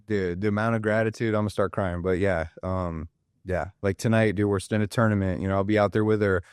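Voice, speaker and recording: A middle-aged man, a guest on a podcast, talking in a casual, animated way and peppering his speech with dude and bro. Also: lowish voice, smooth, no room sound, studio quality. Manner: animated storyteller, slangy, says dude and bro. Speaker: podcast guest, recovery center director. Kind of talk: casual conversation.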